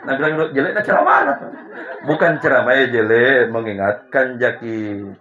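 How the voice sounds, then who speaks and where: A man, preaching a lively sermon to a congregation, telling stories and swinging from hushed to loud. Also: medium pitch, moderate pace, lo-fi sound. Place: mosque gathering with audience.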